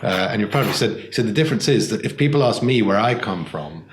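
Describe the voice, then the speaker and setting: A man's voice: fairly low pitch, expressive, fast talker. A British man in a political panel discussion, speaking with many fillers and restarts. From Britain. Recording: echoey room, faint noise.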